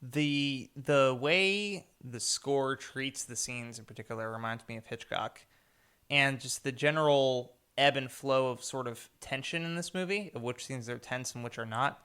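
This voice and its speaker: A young man co-hosts a casual film podcast, his voice bright and crisp. He explains scenes at length and gets animated when he acts them out. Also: mid-range voice, unhurried. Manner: animated, acts out scenes with sudden loud outbursts. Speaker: podcast co-host.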